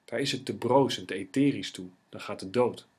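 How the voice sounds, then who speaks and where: A man reading aloud voices a gentle, reflective young man who speaks softly and calmly, with a husky tone. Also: lowish voice, fairly quick. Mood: tender.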